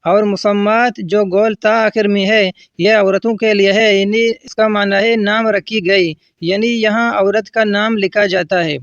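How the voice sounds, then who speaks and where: A man's voice: high-pitched, steady tone, fairly bright tone, no room sound. A man teaching correct word pronunciation, patiently and methodically, repeating each word with a short gloss. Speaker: Urdu language teacher. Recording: dull, slightly lo-fi dry recording.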